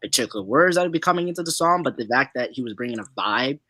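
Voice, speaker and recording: A man's voice: mid-range voice, animated, quick pace, bright, forceful tone, no echo, rough recording. A young man from Zimbabwe, a guest musician answering interview questions in a loose, laid-back way full of fillers.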